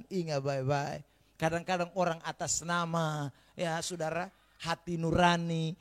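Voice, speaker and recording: A man preaching a sermon as pastor, calling out to the congregation often and swinging from quiet asides to loud emphasis. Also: high-pitched.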